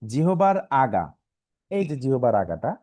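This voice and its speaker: A man's voice: mid-range voice, sing-song, warm tone, no room sound. Patient man drilling letter sounds. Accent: Bangladeshi Bengali. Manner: patient, drills syllables slowly and asks learners to repeat; stretches out some sounds, half singing. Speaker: Arabic letters teacher. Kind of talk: online live lesson.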